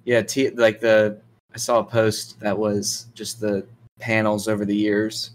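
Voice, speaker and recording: Male podcast co-host, lowish pitch, dry and teasing. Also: monotone, a little slow, a little hiss or hum. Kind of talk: casual podcast chat.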